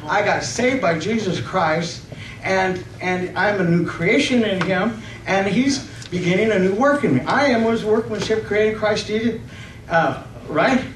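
A middle-aged man with a high-pitched voice preaches and reads scripture at a church conference, halting and a bit nervous, often correcting himself and asking for amens. He's on a church hall stage indoors, his stand microphone picked up by a far camera, so the sound is roomy and distant with faint noise.

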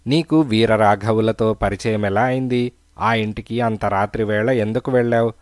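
Brief: a patient, kindly storybook detective, read by a male narrator, low and dry. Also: steady tone, moderate pace, no room sound, natural voice. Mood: gently probing. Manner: gentle, patient questioning. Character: calm, kindly male detective questioning a witness.

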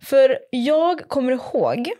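A woman in her twenties hosting a podcast, chatting casually and giggling with her guest. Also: high voice. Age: 20s. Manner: giggly, animated interviewer. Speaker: podcast host. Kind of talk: casual chat.

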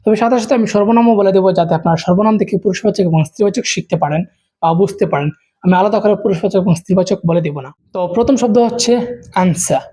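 Man slowly drilling spoken Arabic phrases. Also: sits high, warm tone. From Bangladesh. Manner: slow repeated drills of each phrase. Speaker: Arabic language teacher. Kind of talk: language lesson.

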